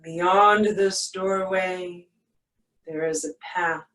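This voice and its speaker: In a soothing yoga-teacher voice, someone leads a guided meditation extremely slowly, leaving long pauses between phrases. The pitch is mid-range with fairly even intonation and a fairly bright tone. The recording sounds roomy and echoey, as if distant from the mic.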